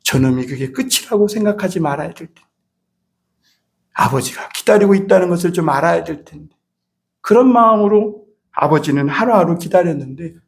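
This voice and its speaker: A middle-aged male pastor giving a Sunday sermon in a church, emotive and rising to shouts on key lines, often calling out to the congregation. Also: high-pitched. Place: church sanctuary.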